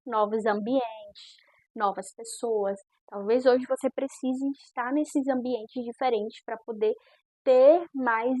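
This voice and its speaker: Girl in her 20s telling her faith story, chatty and earnest, husky voice, dry close sound. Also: on the high side, no echo, rough recording. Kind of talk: personal faith testimony.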